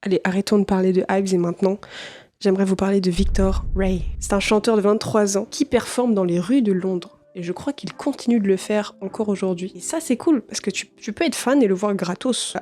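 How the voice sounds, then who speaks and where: A woman's voice: medium pitch, fairly quick, warm tone. A young adult woman chatting casually about songs she likes as a music vlogger, slangy and talkative, often turning to her viewers. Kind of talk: casual chat.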